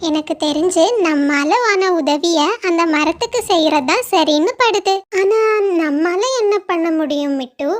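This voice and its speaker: A woman voicing a kind-hearted little sparrow in a cartoon, gentle and caring. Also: high-pitched, a little slow. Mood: friendly.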